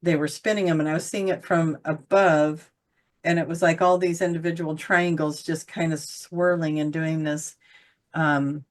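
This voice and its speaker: A woman's voice: low-pitched, little pitch movement, moderate pace. A woman in casual conversation about spiritual channeling, rambling and searching for words with many fillers. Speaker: channeler co-host.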